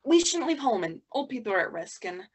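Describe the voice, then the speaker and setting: A chatty teenage theatre girl, played by a young woman, rambles and corrects herself as she talks. Her voice sits a little high, and the sound comes through a video call. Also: sing-song, brisk, breathy edge. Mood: musing. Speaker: lead actor in a monologue. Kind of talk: stage monologue over video call.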